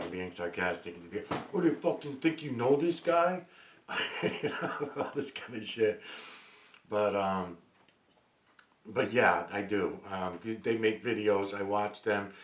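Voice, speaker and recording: A low-voiced man rambling to camera in a loose, meandering monologue. He stops and restarts often, full of fillers, and swears bluntly. His voice rings in a roomy, echoey space. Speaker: vlogger. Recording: roomy echo.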